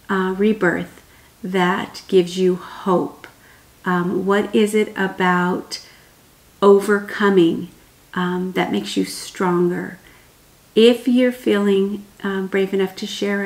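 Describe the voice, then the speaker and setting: A woman in her sixties, speaking softly and unhurriedly to the camera from her dining room, with many pauses and ums, in a gentle devotional talk. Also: mid-range voice. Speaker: homemaking vlogger. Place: dining room at home, indoors. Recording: roomy home recording.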